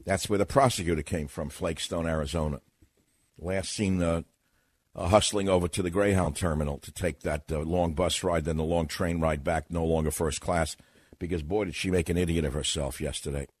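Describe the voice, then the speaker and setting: Older guy radio host, low voice, sarcastic rant, drops to a mutter then blows up loud, dry studio. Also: steady tone, brisk, no room sound. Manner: sarcastic, indignant, swings from muttering to loud outbursts. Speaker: radio talk show host. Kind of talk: political talk radio monologue.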